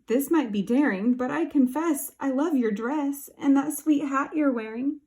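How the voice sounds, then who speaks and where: Woman reading as a shy plump mole man, soft cooing voice, sweet and clumsy, storybook. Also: high voice, a little slow, pitched above the performer's own voice.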